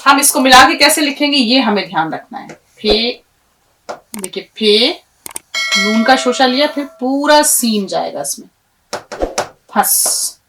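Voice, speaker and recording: A woman's voice: on the high side, expressive, slow, long pauses, recorded from a distance, noisy background. A woman teacher giving a patient script and pronunciation lesson, spelling out letters one by one and telling a fable to a student. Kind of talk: language lesson with a story.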